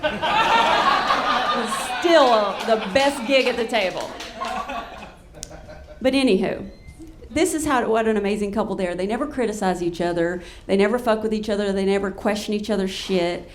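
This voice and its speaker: A woman comedian telling a comic story on stage in a brash, profane, animated way. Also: mid-range voice, fairly quick, slight background noise.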